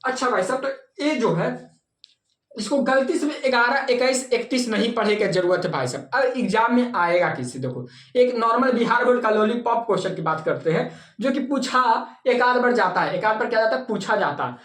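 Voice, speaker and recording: Playful maths teacher, echoey room. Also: male voice, extremely high pitch, expressive, brisk, fairly bright tone. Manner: playful, chatty, asks the class and answers in their voice. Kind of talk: classroom lecture.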